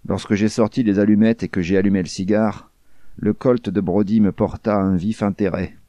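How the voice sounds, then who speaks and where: A man reading a first-person crime novel aloud in a measured, deadpan way. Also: lowish voice, no room sound. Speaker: audiobook reader.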